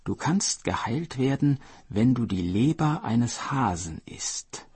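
A calm, mysterious spirit healer who lays out each word slowly, voiced by a man. The voice is husky and breathy, close and dry. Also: mid-range voice, no room sound, voice pushed up, exaggerated voice. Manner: slow and measured.

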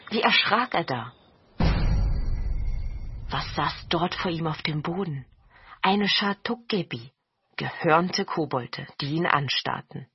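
A woman storyteller reading a fairy tale slowly and deliberately. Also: sits low, a little hiss or hum. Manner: slow and deliberate. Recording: dull lo-fi recording.

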